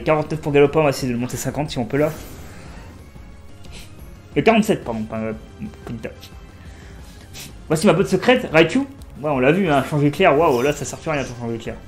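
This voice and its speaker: A man in his twenties giving casual, excitable commentary while playing a video game and talking to his viewers. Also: a little high. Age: 20s. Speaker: let's play streamer.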